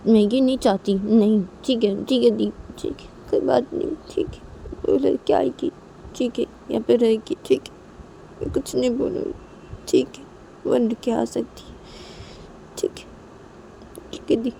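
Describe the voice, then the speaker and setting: A tearful young woman who keeps agreeing through her upset, her voice lifted and pleading, as a woman puts her on. The tone stays mellow and soft in a storybook telling, with faint traffic noise behind. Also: steady tone, unhurried, vocal fry, long pauses. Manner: tearful, pleading, higher-pitched.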